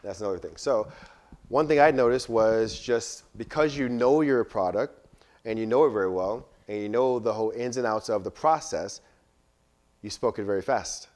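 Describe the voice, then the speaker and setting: A man leading a pitch workshop, coaching students and often checking in with "right?". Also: moderate pace, darkish tone. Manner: frequent "right?" check-ins, encouraging. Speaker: workshop instructor. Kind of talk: coaching feedback in class.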